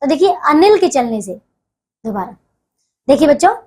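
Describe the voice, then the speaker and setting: Young woman teacher, fairly high voice, patient, walks kids through grammar step by step. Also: sing-song, normal speed, dark tone. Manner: patient, repeats "dekhiye" and "theek hai" often. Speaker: school teacher. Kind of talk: explaining a grammar lesson to children.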